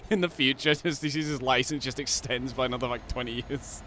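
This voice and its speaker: Sweary Scottish streamer, bright voice. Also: male voice, mid-range voice, steady tone, a little fast, slight background noise. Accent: Scottish, Glasgow. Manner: rambling, heavy swearing, frequent laughter. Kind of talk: casual live-stream chat while gaming.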